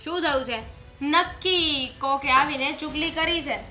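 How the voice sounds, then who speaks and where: A woman's voice: high voice, measured pace, pushed and bright, faint music behind. A woman playing a defiant young daughter-in-law. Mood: defensive. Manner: argumentative, defensive.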